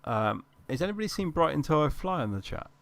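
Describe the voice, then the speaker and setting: A man's voice: fairly high pitch, sing-song, fast, gravelly. A man hosting a live stream on a video call, chatting casually, laughing often and swearing freely. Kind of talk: casual chat.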